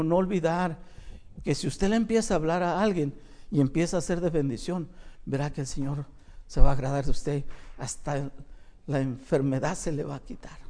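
A man preaching an evangelical sermon, swinging between loud cries and hushed asides. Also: on the high side. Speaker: pastor.

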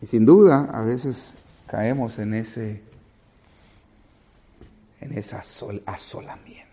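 A man's voice: medium pitch, takes it slowly. A man preaching a sermon as a pastor, speaking straight to the congregation and acting out small scenes. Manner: animated preaching, acts out little scenes, addresses congregation directly.

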